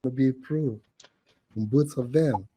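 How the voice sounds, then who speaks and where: A man's voice: medium pitch, unhurried, dark tone, breathy edge, low-quality recording. A man hosting a live online quiz for a training cohort over a video call, teasing the players and laughing often.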